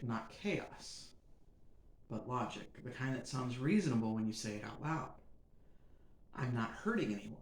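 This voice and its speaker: Male podcast host, mid-pitched voice, reflective scripted monologue, roomy echoey recording. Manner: measured, earnest, building emphasis in short phrases. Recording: roomy echo.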